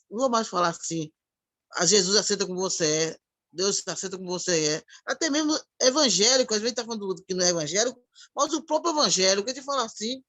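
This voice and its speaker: A woman's voice: mid-range voice, dry recording. Earnest woman musing on faith. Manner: earnest, repetitive, thinking aloud. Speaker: church sister in a ministry chat. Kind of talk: devotional conversation.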